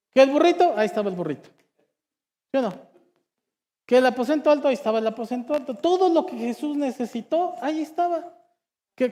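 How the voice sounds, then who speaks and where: High-voiced pastor preaching in a hall. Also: male voice, darkish tone. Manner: call-and-response, asks the crowd to repeat; humorous storytelling with asides. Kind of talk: lively sermon. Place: church hall.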